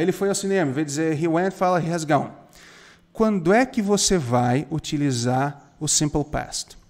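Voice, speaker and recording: Lively teacher explaining grammar. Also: male voice, fairly high pitch. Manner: lively, emphatic, asks the viewer questions often. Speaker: English teacher. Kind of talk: casual spoken grammar lesson.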